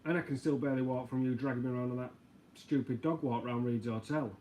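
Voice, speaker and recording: A man's voice: mid-range voice, steady tone, fast, a little mellow, slight background noise. A man hosting a casual livestream, rambling, joking and reading out viewer comments. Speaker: livestream host. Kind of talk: casual live chat.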